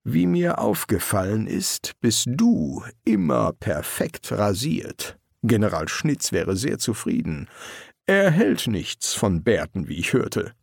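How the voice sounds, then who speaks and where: A man's voice: lowish voice, big pitch swings, slow pace, creaky, dry recording, clean studio sound, exaggerated voice. A man voicing a polite, fussy young army lieutenant who talks in a formal, courteous, chatty way, in a German audiobook. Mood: prim.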